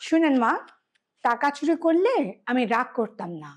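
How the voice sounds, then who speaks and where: A woman's voice: high voice, animated, moderate pace. A woman playing an indignant young daughter-in-law. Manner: accusing, pointed questions. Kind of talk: comic family skit.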